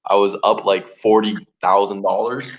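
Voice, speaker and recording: A man's voice: fairly low pitch, fairly even intonation, moderate pace. Blunt, profane man on lo-fi voice chat. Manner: blunt, profane, laughs between points. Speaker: Discord voice chat participant. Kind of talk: casual chat. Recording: lo-fi voice chat audio.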